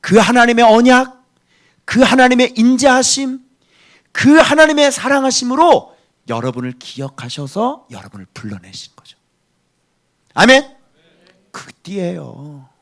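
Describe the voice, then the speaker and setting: A middle-aged male pastor preaching a sermon, emphatic, swinging between loud outbursts and hushed asides. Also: very high voice, sing-song, a little slow, pauses often.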